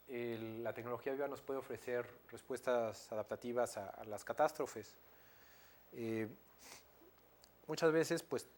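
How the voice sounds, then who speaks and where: A man in his thirties with a Mexican accent giving an academic lecture, hesitant, with many fillers, restarts and tag questions. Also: mid-range voice. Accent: Mexican Spanish.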